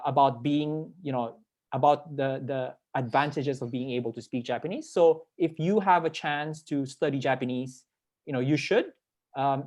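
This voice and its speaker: A young adult Filipino man with a medium pitch and darkish tone shares his work experience as a video call panelist. His casual panel talk rambles, and he repeats words to emphasize them.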